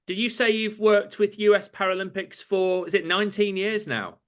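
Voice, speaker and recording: Male sports interviewer, slightly high pitch, friendly, self-deprecating. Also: normal speed, a bit bright, smooth. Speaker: interviewer, athletics journalist. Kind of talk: casual interview conversation.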